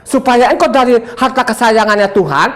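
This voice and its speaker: A man in his seventies from Sumba, Indonesia, delivers a combative, boastful sermon to a congregation, laughing often and quizzing his listeners. He talks a little fast, and his voice is extremely high-pitched.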